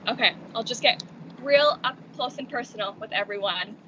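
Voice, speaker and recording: Young woman guest speaker, slightly high voice, crackling mic that drops in and out, dull, noisy call audio. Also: moderate pace, sharp tone. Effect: crackling mic audio that cuts in and out. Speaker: graduate student guest speaker. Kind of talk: prepared thank-you remarks. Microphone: remote video call mic.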